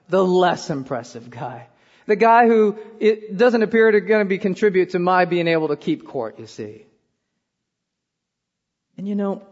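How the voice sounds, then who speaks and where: A man's voice: a little high, a little mellow, long reverb tail, lo-fi sound. A man, preaching a sermon as pastor and telling self-deprecating stories with frequent "okay?" asides. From born in Korea, raised in Iowa. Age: 30s.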